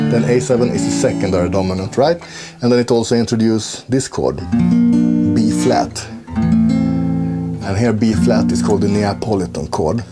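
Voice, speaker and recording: A man teaching a music lesson, explaining chords step by step and counting beats aloud. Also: medium pitch. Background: guitar playing.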